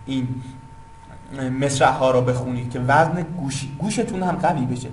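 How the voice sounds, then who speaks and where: A man with a somewhat high-pitched voice explains poetic meter in a relaxed, conversational way. He is patient and breaks often into rhythmic chanting of the beats. A faint hiss of noise sits under the recording. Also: low-quality recording. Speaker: teacher of Persian poetic meter. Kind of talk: informal recorded lesson.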